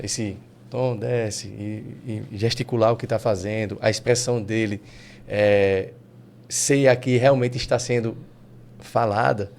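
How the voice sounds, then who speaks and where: A man with a Brazilian Portuguese accent hosting a casual podcast interview, animated and enthusiastic, his voice jumping up when excited. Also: lowish voice, creaky, a little hiss or hum. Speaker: podcast host.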